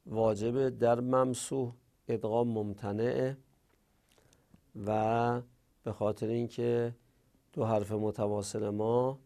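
Male teacher giving a grammar lesson: low, gravelly voice, deliberate delivery. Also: mellow. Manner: deliberate, drawing out example words.

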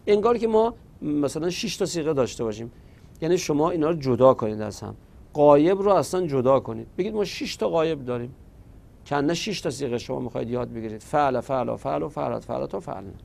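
A man's voice: on the high side, animated, vocal fry, dark tone. A man teaching a recorded grammar lesson, patiently drilling verb forms one by one.

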